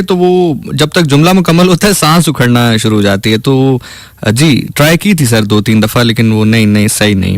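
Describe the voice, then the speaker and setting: A man's voice: fairly high pitch, no echo, clean studio sound. A man hosting a live stream, chatting casually as he reads out viewer comments, playful and teasing, often stammering and restarting. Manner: playful, teasing, mock-indignant.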